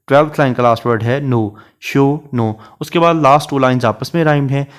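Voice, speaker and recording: Measured male lecturer explaining poetry. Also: mid-range voice. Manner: reads English verse lines slowly, then explains in Urdu-flavoured Hindi. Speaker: literature lecturer.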